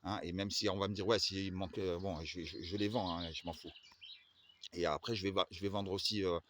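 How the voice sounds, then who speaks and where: A man's voice: sits low, fairly even intonation, brisk, noisy background. A man from the Agen area telling a long personal story, hesitant and full of fillers and restarts. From Agen area, southwest France.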